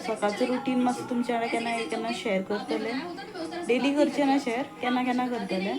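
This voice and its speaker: A woman's voice: fairly high pitch, steady tone, fast talker. A woman with a Goan Konkani accent, chatting to viewers about her day and family in a homely vlog. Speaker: vlogger, mother. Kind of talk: casual chat to camera.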